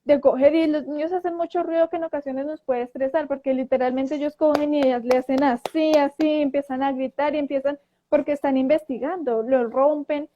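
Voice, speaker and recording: A woman telling a story in casual talk, animated and acting out quoted voices, with frequent restarts. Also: high-pitched, fairly quick, background noise. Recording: dull lo-fi audio.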